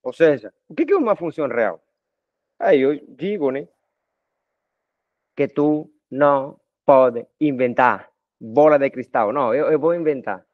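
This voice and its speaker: Unhurried and lively in intonation, a middle-aged Colombian man with a Spanish-speaker's accent lectures on math in a talkative, conversational style, regularly checking with students through small tag questions. His voice is of middling pitch, and the close, dry recording sounds muffled, dull and lo-fi.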